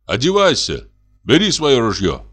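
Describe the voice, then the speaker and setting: A man voicing a bold, impatient male hunter in an audiobook, gruff and commanding. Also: mid-range voice, wildly swooping pitch, a little slow, fairly bright tone, pitched above the performer's own voice, full character voice. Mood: scolding. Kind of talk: audiobook reading.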